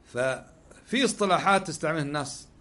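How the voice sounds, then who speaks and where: A man's voice: fairly high pitch, lively intonation, brisk, fairly bright tone. A man teaching a religious lesson, posing rhetorical questions and answering them himself. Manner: Gulf Arabic dialect. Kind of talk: sermon-style lesson with questions.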